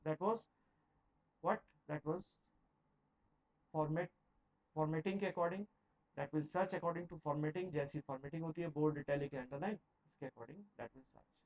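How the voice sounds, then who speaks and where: A man's voice: a little high, darkish tone, lo-fi sound. A man teaching a computer lesson over a screen recording, explaining each step in a mix of Hindi and English. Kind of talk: screen-recorded software tutorial.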